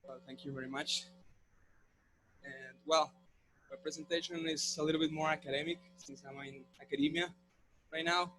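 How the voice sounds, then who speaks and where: A man from Rica, giving a measured academic conference talk. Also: fairly high pitch, steady tone, music in the background, rough recording. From Costa Rica. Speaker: conference presenter.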